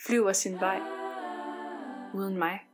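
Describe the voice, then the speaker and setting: Female poetry reader, mid-range pitch, hushed and brooding, over a music track. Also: steady tone. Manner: intimate, brooding recitation rising to anguished shouts.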